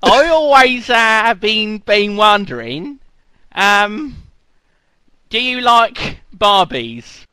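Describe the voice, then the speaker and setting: A man putting on an eager young male fan with an exaggerated fake Australian accent, talking in a hesitant, fawning, drawn-out way. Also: sits high, animated, bright, forceful tone, clear, resonant tone, no echo, voice pushed up, full character voice. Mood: earnest.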